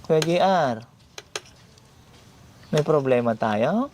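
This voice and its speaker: Gently coaxing man vlogger. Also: fairly high pitch, lively intonation, takes it slowly. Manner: gentle, repetitive coaxing questions. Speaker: vlogger host. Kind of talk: casual vlog chat, coaxing questions. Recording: noisy background.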